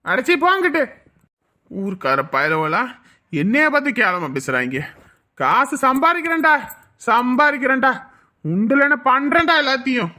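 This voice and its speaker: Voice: high-pitched, sing-song, moderate pace, long pauses, bright, forceful tone, exaggerated voice. A bitter vengeful husband. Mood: harsh. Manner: harsh, bossy, muttering threats.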